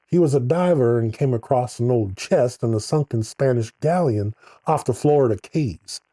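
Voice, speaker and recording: A man's voice: mid-range voice, moderate pace, warm tone, no echo, clean studio sound, close to an everyday voice. A man playing a caller from Charleston, telling a family story in a plain, earnest way.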